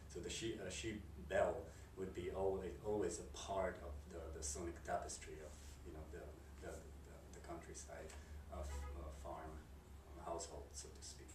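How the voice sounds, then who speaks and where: A man from Slovakia with a Slovak accent, a composer answering interview questions in a halting way, with many fillers and restarts. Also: sits low, flat delivery. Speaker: composer and curator. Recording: roomy, distant mic, noisy background.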